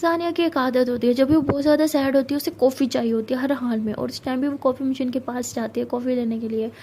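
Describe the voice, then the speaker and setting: A young woman storyteller narrates a love story in a relaxed, chatty manner, sprinkling in English words. Her voice is high-pitched yet mellow and warm. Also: fast, a little hiss or hum.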